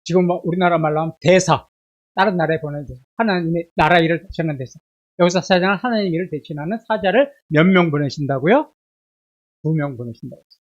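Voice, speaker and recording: Speaking fast in a fairly high voice, a pastor sick with a bad cold and fever gives a Sunday sermon in the church sanctuary. One rhetorical question follows another, loud then hushed, on audio with the highs cut off.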